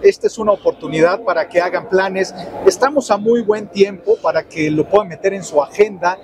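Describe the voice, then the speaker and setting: A middle-aged Mexican man with a notably high voice runs an upbeat, promotional interview at a trade show booth, turning now and then to speak to the viewers. He wears a lapel mic, and the busy, noisy expo floor carries on clearly behind him. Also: a little fast. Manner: upbeat, promotional, addresses the audience directly.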